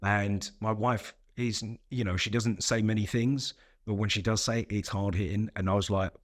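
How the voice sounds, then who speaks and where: A man's voice: fairly low pitch, fairly even intonation, moderate pace. A middle-aged man talking as a podcast guest, reflective and telling stories in casual conversation. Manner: reflective, storytelling.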